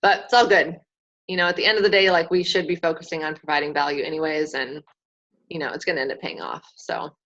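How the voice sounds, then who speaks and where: A woman hosts a relaxed team call and chats easily, laughing often. When she quotes someone she jumps into a higher voice. Her voice sits a little low, and the call audio is dull and lo-fi. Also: fast talker. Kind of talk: casual team call chat.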